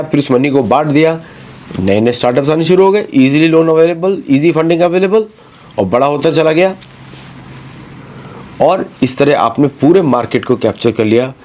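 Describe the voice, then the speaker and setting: Emphatic man with a high voice. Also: normal speed, a little mellow. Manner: emphatic, mixes Hindi with English phrases. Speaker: commentator on current affairs. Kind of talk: talk-show commentary.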